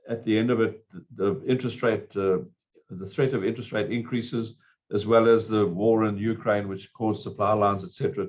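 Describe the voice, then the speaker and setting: Hoarse man explaining investing. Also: fairly low pitch, highs cut off. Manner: measured, explanatory. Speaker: fund manager. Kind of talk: interview answers.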